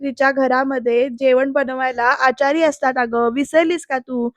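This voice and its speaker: A husband from a TV serial who fusses over his mother and reasons with her, read by a woman recapping the episode. He speaks slowly and patiently. The voice stays high and dry. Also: fairly even intonation, no room sound, close to an everyday voice. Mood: reasoning. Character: man, a husband defending his mother and wife.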